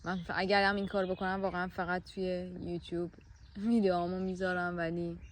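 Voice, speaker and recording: A woman talking to camera outdoors in a forest about a personal experience, in a gentle, soothing way with many hesitant pauses and filler sounds. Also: on the low side, little pitch movement, slight background noise. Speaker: vlogger sharing a personal experience. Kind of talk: reflective personal talk to camera.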